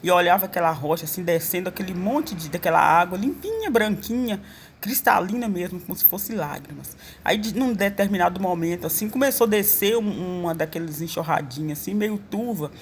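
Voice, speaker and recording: Gravelly-voiced Brazilian woman telling a dream. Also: fairly low pitch, expressive, a little fast, a little hiss or hum. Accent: Brazilian Portuguese. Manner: earnest storytelling with many fillers and restarts. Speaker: evangelical preacher. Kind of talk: testimony of a dream.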